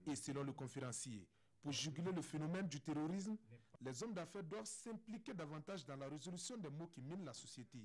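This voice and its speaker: A man with a Burkinabe French accent reading a scripted television news report in a measured, formal tone. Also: a little high, expressive, darkish tone.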